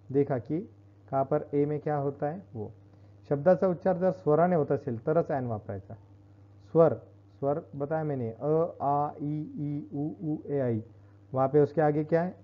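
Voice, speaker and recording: A man teaching English grammar in a classroom-style lesson, explaining slowly and repeating each point. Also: fairly high pitch. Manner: explains slowly, repeats points, switches between Hindi and Marathi. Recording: dull lo-fi recording.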